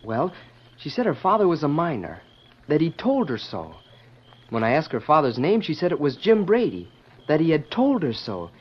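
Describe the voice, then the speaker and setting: A man's voice: a little high, huge pitch swings, normal speed, slightly rough, exaggerated voice. An actor playing an earnest, polite teenage boy in 1940s radio acting on a dull old broadcast recording.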